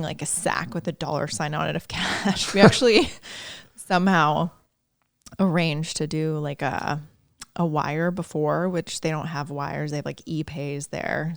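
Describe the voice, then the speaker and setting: A woman in her thirties with a low, gravelly voice tells a story on her podcast in a loose, chatty way. She laughs often and slips into quoted voices. The sound is close and dry. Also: normal speed, dry recording. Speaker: podcast host. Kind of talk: casual storytelling chat.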